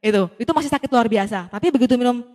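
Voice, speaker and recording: A woman tells an audience a personal story in a quick, lively way. She acts out the dialogue and keeps speaking to her listeners directly. Her voice carries a long hall reverb. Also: on the high side. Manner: addresses the audience often. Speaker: speaker giving a testimony.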